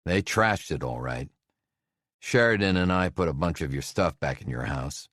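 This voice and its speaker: A man's voice: a bass voice, expressive, moderate pace, a bit bright, no room sound, studio quality, full character voice. A man voicing an earnest, decent male game warden who talks plainly and a bit sternly in an audiobook.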